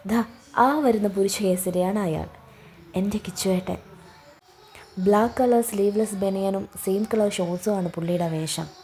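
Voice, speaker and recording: A woman's voice: mid-range voice, mellow, a little hiss or hum. A young woman narrating a storybook aloud as the heroine, in a chatty, teasing first-person way. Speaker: audiobook narrator.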